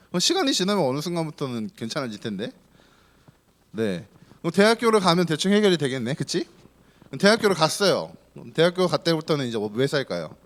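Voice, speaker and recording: A man preaching as pastor to a group of children, keeping them engaged with questions and playful teasing. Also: mid-range voice. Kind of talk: children's sermon.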